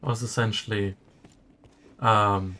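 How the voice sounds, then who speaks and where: A man giving casual gameplay commentary, haltingly thinking aloud as he goes. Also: lowish voice, steady tone, sharp tone. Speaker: video game player giving commentary.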